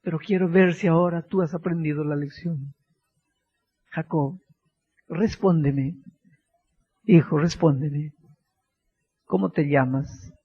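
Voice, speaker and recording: A man preaching who voices Christ, speaking softly and tenderly to Jacob as a father would. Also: steady tone, takes it slowly, pauses often, slightly rough, lo-fi sound, full character voice. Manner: soft, low, tender. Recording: echoey church hall.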